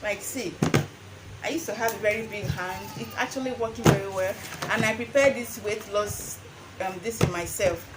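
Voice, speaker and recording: Woman, Nigerian accent, mid-pitched voice, informal instructional vlog, Pidgin-inflected phrasing, repetitive emphasis, noisy recording. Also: normal speed. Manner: slips between English and Pidgin phrasing. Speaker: herbal remedy seller and vlogger. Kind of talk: informal how-to demonstration to camera.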